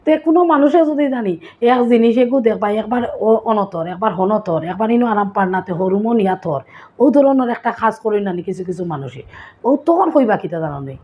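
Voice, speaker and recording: A woman vlogger with a Sylheti accent, casually explaining local sayings and acting them out with lively bits of storytelling. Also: mid-range voice, a little fast, lo-fi sound.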